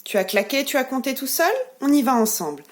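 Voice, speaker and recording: A preschool teacher with a French accent gives a remote lesson to young children, guiding them through clapping out syllables. She speaks gently and articulates every word clearly, her voice pitched high, animated and a little fast. There is slight background noise.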